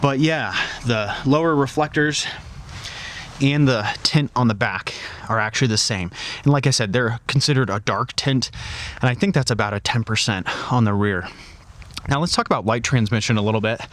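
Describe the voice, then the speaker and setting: A man's voice: medium pitch, moderate pace, a bit bright, a little hiss or hum. Chatty man filming outside in the cold. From Colorado. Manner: chatty, loose, lots of "like" fillers. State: cold, breathing a little hard. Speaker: car vlogger. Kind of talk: casual walkaround vlog. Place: outdoors beside a car in freezing weather.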